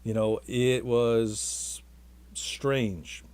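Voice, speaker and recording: A man's voice: medium pitch, fairly even intonation, very slow, a little mellow, smooth. A man talking casually to the camera in a rambling, hesitant, self-deprecating way. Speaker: vlogger.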